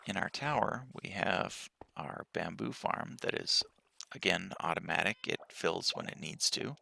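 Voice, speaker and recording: A man giving a relaxed tour of his game world with a just-woken-up morning voice, pausing often and speaking softly. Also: sits low, vocal fry. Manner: relaxed walkthrough with frequent pauses and fillers. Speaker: game player.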